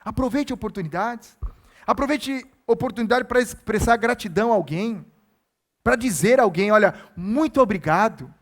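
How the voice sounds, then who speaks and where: A man's voice: extremely high pitch, moderate pace. A male pastor preaching a sermon, earnest and exhorting, repeating his key phrases for emphasis.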